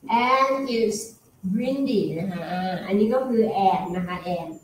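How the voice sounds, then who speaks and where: Thai-accented female teacher, drawn-out model sentences with repeated words, roomy echo. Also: mid-range voice, animated, mellow, slight background noise. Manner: polite, patient explaining to children. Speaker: English teacher. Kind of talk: classroom-style English lesson.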